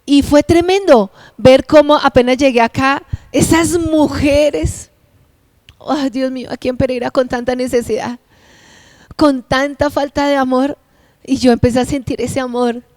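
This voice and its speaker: Middle-aged woman pastor, heartfelt testimony, slightly high voice, dry close sound. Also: fairly even intonation, measured pace, darkish tone, dry recording. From Bogotá, Colombia. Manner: heartfelt, earnest and emotional. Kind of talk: personal testimony.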